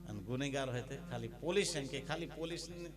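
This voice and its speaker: A man with a Gujarati accent, a bhajan singer and spiritual storyteller, tells folksy, humorous stories in a devotional talk, breaking into sung verses. He speaks a little fast in a medium-pitched voice while instrumental music plays behind him at the live devotional gathering.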